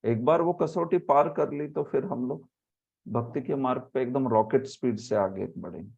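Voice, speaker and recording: A man leads a scripture class as a spiritual teacher. He explains with everyday examples and slowly sounds out words to show how to say them. His voice is medium in pitch and comes through muffled and lo-fi. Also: vocal fry, darkish tone, husky. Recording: muffled lo-fi audio.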